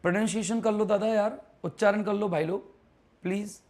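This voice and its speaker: A man's voice: high voice, steady tone, fairly quick, a little mellow. A man teaches an English grammar class live online. He talks casually and coaxes his students, repeating words over and over to drill them.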